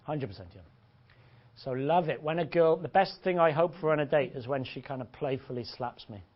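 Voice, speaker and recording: A man gives a blunt, joking seminar talk as a dating coach. His voice sits a bit high for a man. The recording is dull and lo-fi. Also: lively intonation, a little fast. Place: seminar room. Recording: dull lo-fi audio.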